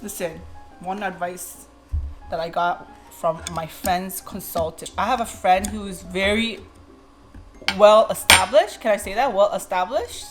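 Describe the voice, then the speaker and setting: A woman's voice: medium pitch, a little slow, music in the background. A woman vlogger chatting casually while eating, rambling through a story and laughing easily. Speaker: mukbang vlogger.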